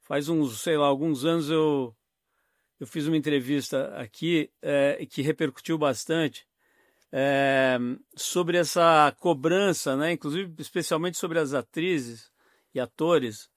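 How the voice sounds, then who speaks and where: A man's voice: a little high, takes it slowly, no room sound, clean studio sound. A man with a Brazilian Portuguese accent, interviewing a guest with probing, hesitant questions. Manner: probing, hesitant phrasing with fillers. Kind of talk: conversational interview.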